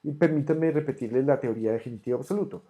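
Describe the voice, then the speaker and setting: A teacher giving an online ancient Greek grammar lesson, patiently correcting homework and sounding out Greek words slowly. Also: mid-range voice, dark tone. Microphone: camera on a desk.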